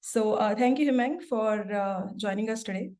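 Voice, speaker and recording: Moderating a webinar for work, this product manager and host speaks haltingly, restarting sentences and filling gaps often. She has a mid-range, darkish voice and talks at normal speed.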